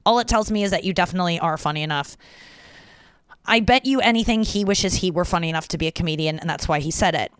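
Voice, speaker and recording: Dry, smooth-voiced woman podcaster. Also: lowish voice, no echo. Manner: chatty, frank and profane, reading listener messages aloud. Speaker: podcast host. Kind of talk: casual chat.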